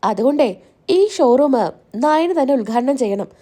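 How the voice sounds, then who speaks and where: Woman doing a firm matriarch, decisive, high, mellow. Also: lively intonation, a little slow. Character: firm older matriarch favoring one daughter-in-law.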